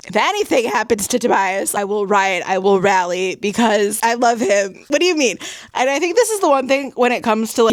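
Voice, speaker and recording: A woman talks through her reading in a casual vlog, exclaiming and addressing her viewers with emphatic reactions. Her voice sits at an ordinary middle pitch. The sound is close and dry, with no room around it. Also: dry recording. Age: adult mother. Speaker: book vlogger.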